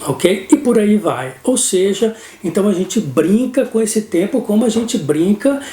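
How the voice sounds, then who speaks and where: A man's voice: sits high, animated, measured pace, warm tone. A man with a Brazilian Portuguese accent teaching an English grammar lesson, explaining patiently and often checking in with his students. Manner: explanatory, keeps checking in with "não é?". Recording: roomy echo.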